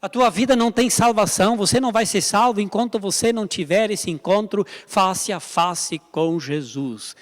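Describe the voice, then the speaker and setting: A man's voice: sits high, normal speed, few pauses, big-room sound. A male pastor, preaching a sermon emphatically, repeating lines and appealing directly to the congregation. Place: church service.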